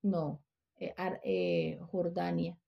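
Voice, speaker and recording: A woman's voice: fairly low pitch, sing-song, extremely slow, creaky. A woman giving a conversational Bible lesson, often checking in with her listeners and restarting her phrases. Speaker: Bible teacher. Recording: dull lo-fi recording.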